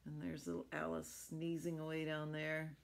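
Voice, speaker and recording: Her voice is low and sing-song, moving at normal speed, as this middle-aged woman reads a picture book to children. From a small furnished room at home, she adds chatty asides and small questions for her listeners.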